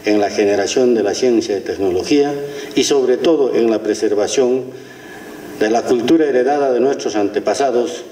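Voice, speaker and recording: A man's voice: medium pitch, moderate pace, warm tone. An older man with a Cusco Peruvian Spanish accent, speaking for the teaching staff in a solemn, oratorical formal speech at a podium. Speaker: union representative. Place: large ceremonial hall. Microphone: podium microphone. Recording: echoey hall from a distance.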